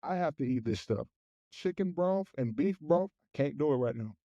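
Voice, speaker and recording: A man's voice: on the high side, animated, moderate pace, dark tone, no echo, dull audio. A man talking casually and candidly as a podcast guest, blunt and plain-spoken.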